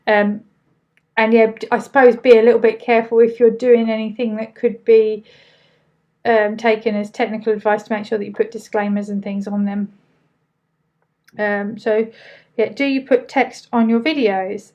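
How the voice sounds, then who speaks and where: A woman's voice: fairly high pitch, little pitch movement, normal speed, highs cut off. A woman with an Essex accent hosting a casual live training, chatting informally as she reads out and answers questions, with loosely pronounced words.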